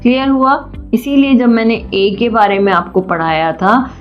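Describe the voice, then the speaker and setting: A woman teaching a children's grammar lesson, patient and deliberate, often asking questions and answering them herself. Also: on the high side, expressive. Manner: slow and deliberate. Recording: dull lo-fi sound, faint music.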